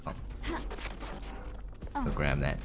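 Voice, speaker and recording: A game streamer talks slowly through casual gameplay commentary, thinking aloud and letting his sentences trail off. Video game music plays behind him, and the recording is very noisy.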